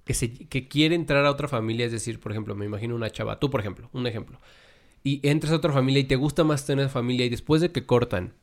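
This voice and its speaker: A man's voice: medium pitch, fast. A man with a Mexican accent, co-hosting a podcast, who rambles, jokes and cuts in with his own thoughts. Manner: rambling, joking, interrupts. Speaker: podcast co-host. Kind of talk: casual chat.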